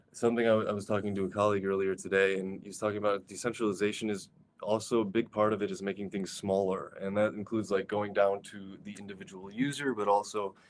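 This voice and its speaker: A man gives a virtual conference talk over a video call, in a low and rather monotone voice. He speaks casually, with frequent fillers and restarts. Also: a little hiss or hum.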